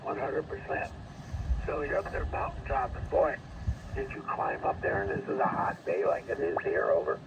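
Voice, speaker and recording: An older man, a ham radio operator, heard over a ham radio receiver, calling slowly and repeating himself. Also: medium pitch, huge pitch swings. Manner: slow, repetitive call-sign calling. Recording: muffled, distant radio with static.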